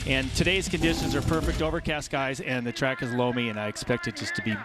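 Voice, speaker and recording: A man's voice: mid-range voice, steady tone, quick pace, loud music behind the voice. A man giving conversational motocross analysis as a color commentator at a racetrack. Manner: casual, conversational.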